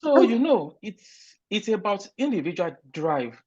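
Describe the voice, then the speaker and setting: A Nigerian man, a recent immigrant with a Nigerian accent, answers interview questions earnestly and emphatically, often restarting his sentences. His voice is high, sing-song, unhurried, a little mellow and slightly rough, in a dry, dull, lo-fi recording.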